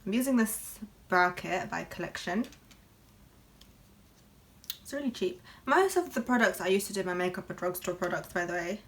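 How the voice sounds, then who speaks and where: Doing her makeup on camera, a young woman chats candidly in a fairly low, animated voice at a normal speed, with long pauses. She's a beauty vlogger in a casual get-ready-with-me video, and her chatty talk is full of fillers.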